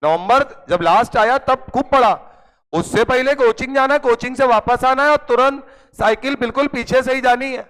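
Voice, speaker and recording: A male chemistry teacher, telling a lively story to his class and acting out the voices of friends and his mother. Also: extremely high pitch, moderate pace, clean tone. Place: coaching classroom. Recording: long hall reverb in classroom.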